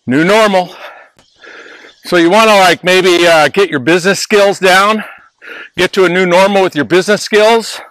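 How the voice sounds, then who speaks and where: An older man with a high, bright voice talks casually and playfully, pressing his points with repeated hooks. He sounds slightly winded, and the recording is dry and close. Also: normal speed, no room sound, rough recording. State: slightly out of breath. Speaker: network marketing trainer. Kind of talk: casual motivational vlog.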